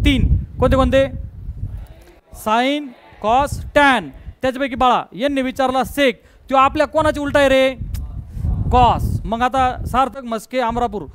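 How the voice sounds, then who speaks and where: A male math teacher with a Marathi accent lectures a classroom, pressing students to answer and repeatedly asking if they understand. His voice sits very high. The recording carries clear background noise from the room. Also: a bit bright. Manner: coaxing, repeatedly checks understanding.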